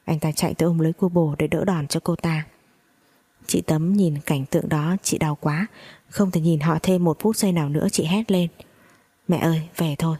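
A woman narrating a dramatic first-person family story in a steady reading voice with gossipy asides to listeners. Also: sits low, moderate pace, slightly rough.

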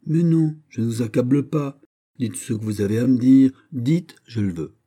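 A man voicing a proud, coquettish young lady-in-waiting in an audiobook, haughty and sharp-tongued. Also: mid-range voice, normal speed, voice pushed up, natural voice. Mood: imperious.

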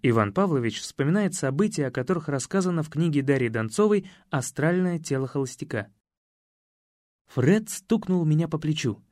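A man narrating an audiobook in a lively, expressive reading. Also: fairly high pitch, brisk, hardly any pauses, no echo, clean studio sound. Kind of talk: scripted narration.

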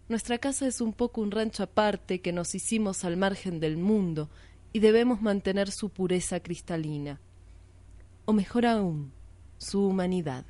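A woman hosting a radio art show, reading a literary text slowly and reflectively, asking and answering her own questions. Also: mid-range voice, darkish tone, no room sound.

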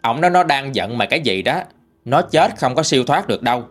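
An angry uncle shouts accusations in a lively, rising voice, as a male storyteller puts him on. Soft music plays faintly under the telling. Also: mid-range voice, fast talker. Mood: angry scolding. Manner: loud, accusing, heated. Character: angry middle-aged uncle scolding his sister.

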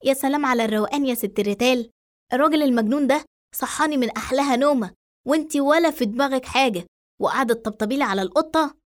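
A woman voicing an irritated, sharp-tongued mother with an Egyptian accent, scolding rapidly. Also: high voice, natural voice.

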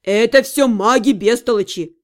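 Woman doing a sneering male demon, lowered voice, sardonic, audiobook character. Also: moderate pace, lightly acted. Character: sarcastic smug male demon, lord beyond death.

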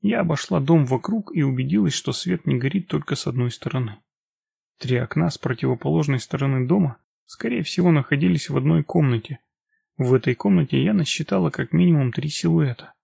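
Gravelly male audiobook narrator. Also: fairly high pitch, fairly quick, dark tone, no room sound. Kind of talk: first-person action narration.

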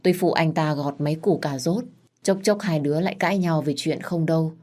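A woman narrating a first-person audio story in a measured, expressive way. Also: low-pitched.

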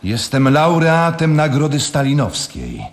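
An actor playing a haughty, drowsy composer in a radio drama, speaking in an aloof, dismissive way. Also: male voice, on the high side, wildly swooping pitch, unhurried. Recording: long hall reverb, off-mic.

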